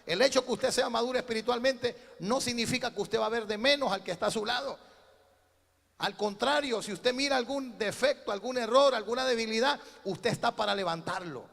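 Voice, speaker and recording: Male pastor, high gravelly voice, preaching with call-and-response, echoey hall. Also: a little fast, a bit bright. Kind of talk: sermon.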